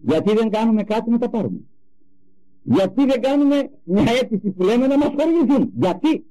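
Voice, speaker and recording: An older man giving a religious talk, telling personal stories with animated emphasis. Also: on the high side, poor audio. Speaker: religious speaker. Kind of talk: sermon with personal anecdotes.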